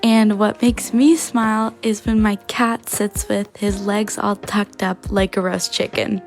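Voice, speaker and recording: A woman's voice: medium pitch, little pitch movement, a little slow, faint music behind. A woman from Canada leaving an amused, playful voice message as a caller.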